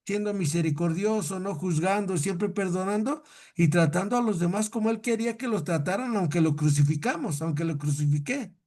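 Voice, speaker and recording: A man's voice: high-pitched, moderate pace, hardly any pauses, a little mellow. A man with a Mexican Spanish accent leading an informal Bible class, chatty, often repeating himself and checking in with his listeners. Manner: chatty, repeats words, tells jokes, asks "¿sale?". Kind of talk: informal religious lesson.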